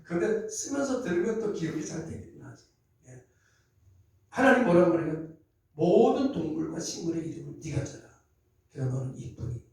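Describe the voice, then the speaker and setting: A man's voice: high-pitched, a little mellow. A middle-aged male pastor preaching conversationally to church officers, asking rhetorical questions and acting out dialogues. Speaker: senior pastor. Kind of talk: sermon training church officers. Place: church sanctuary. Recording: very echoey hall, voice from far off.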